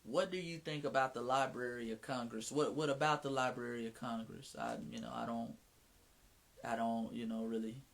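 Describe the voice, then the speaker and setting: A man's voice: mid-range voice, steady tone, normal speed, vocal fry. A man from Atlanta with a Southern Mississippi twang, hosting his own livestream in frank, slangy casual chat. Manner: slangy, frank, drops profanity, many restarts.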